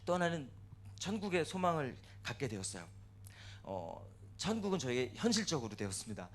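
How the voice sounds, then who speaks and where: A man's voice: fairly high pitch, big pitch swings, fairly quick, slight background noise. A male pastor giving a tearful testimony sermon in a church, acting out his prayers aloud as he tells the story.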